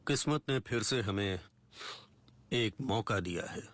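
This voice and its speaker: A man's voice: lowish voice, measured pace, fairly bright tone. A man speaking dubbed film dialogue as a father, formal and conciliatory. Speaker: father proposing a match. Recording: film soundtrack with music behind.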